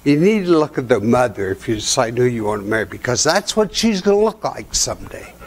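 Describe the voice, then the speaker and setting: An older man presents at a conference to a seated audience, moving from practical advice into folksy family anecdotes. He talks in a relaxed storytelling way and chuckles at his own punchlines. His voice sits at an ordinary middle pitch, picked up by a lapel mic in a hotel meeting room. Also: fairly quick. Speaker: seminar presenter.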